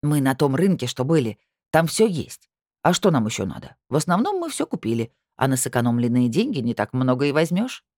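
A woman's voice: very deep voice, sing-song, fairly quick, darkish tone, dry recording, clean studio sound, full character voice. A woman reading as a sly, gloating older woman. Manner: mocking, sly. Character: scheming older woman, gloating, sharp-tongued.

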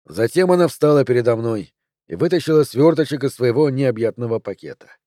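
A man reading an audiobook in calm first-person narration. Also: medium pitch, a little fast, dry recording, clean studio sound. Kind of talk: scripted narration.

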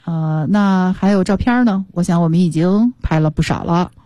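A woman's voice: lowish voice, normal speed, dark tone, no room sound. A woman teaching English on a radio lesson, explaining patiently and spelling words out. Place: radio studio.

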